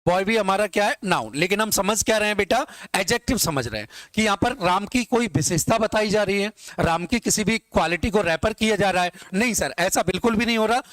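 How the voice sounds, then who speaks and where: High-voiced teacher drilling grammar slowly. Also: male voice, fairly bright tone, dry recording. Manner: repetitive call-and-response questioning, addressing students as dear children; dictates example sentences slowly, word by word. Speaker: English teacher. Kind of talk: classroom grammar lesson in Hindi.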